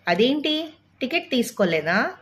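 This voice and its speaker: A woman's voice: sits high, sing-song, normal speed, a bit bright, voice pushed up. A woman voicing an irritated middle-aged male traveler who speaks in curt, stern lines.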